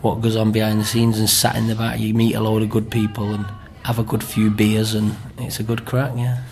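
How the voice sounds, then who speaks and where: Interviewed as an amateur pantomime performer, a middle-aged man with a Greater Manchester accent rambles and keeps checking with tag questions. His darkish, lowish voice is totally flat and runs a little fast.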